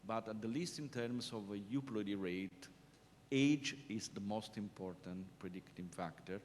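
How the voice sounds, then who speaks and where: A man's voice: measured pace, darkish tone. A man answering questions as a panelist at a conference discussion, explaining emphatically with frequent hesitations. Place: conference hall. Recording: reverberant conference hall, faint rumble.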